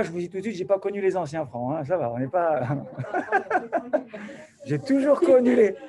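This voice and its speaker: A man giving an animated sermon to a class, swinging from loud to soft and acting out little dialogues. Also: high-pitched. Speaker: rabbi teaching a class.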